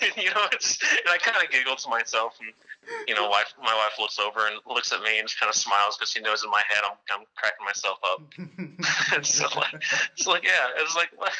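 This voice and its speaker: A man guesting on a podcast interview, telling animated stories and laughing at his own jokes. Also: on the low side, fairly quick, low-quality recording. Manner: animated storyteller, laughs at his own jokes, mocks fans in exaggerated voices. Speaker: guest, independent wrestler.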